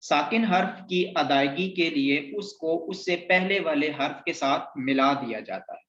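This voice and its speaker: A man's voice: on the high side, measured pace, a bit bright. A man teaching Quran reading, patiently drilling syllables one by one in a lesson. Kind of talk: slow recitation lesson, spelling out letter sounds. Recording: roomy, dull lo-fi sound.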